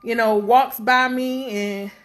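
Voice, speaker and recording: Rambling woman in her thirties, bright voice. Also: a little high, fairly even intonation, takes it slowly, slight background noise. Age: 30s. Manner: rambling, filler-heavy; blunt and outspoken. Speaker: vlogger. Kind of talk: casual talk to camera.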